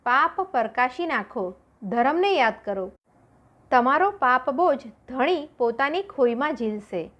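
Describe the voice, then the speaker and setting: A woman voicing a calm, devout woman who firmly reassures a frightened man during a storm at sea. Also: sits high, unhurried, dull audio. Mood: reassuring. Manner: calm, firm.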